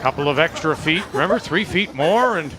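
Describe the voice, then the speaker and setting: A man working as a play-by-play commentator, explaining the format in a relaxed way and calling shots live. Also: on the high side, a little fast. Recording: heavy background noise.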